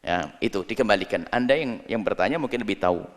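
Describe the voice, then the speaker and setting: A man preaching a sermon, explaining a religious ruling point by point with animated emphasis. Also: fairly low pitch, fast talker. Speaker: Islamic preacher. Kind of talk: sermon answering a question. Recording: long hall reverb.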